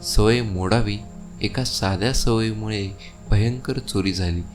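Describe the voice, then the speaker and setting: A man reading as a brisk young police inspector. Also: lowish voice, soft background music, lightly acted. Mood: stern questioning. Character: young confident CID inspector, brisk and commanding.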